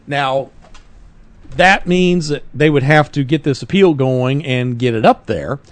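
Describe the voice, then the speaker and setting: In a dry recording, a man of medium pitch talks a little slowly as co-host of a political podcast. His delivery is earnest and forceful, with frequent mid-sentence self-corrections, much like talk radio.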